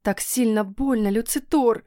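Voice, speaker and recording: A woman's voice: on the high side, measured pace, dark tone, no room sound, natural voice. A distraught young heroine of a fantasy storybook, her voice shaky, tearful and pleading, as the woman reading puts her on. The sound is dry and close, with no room around it.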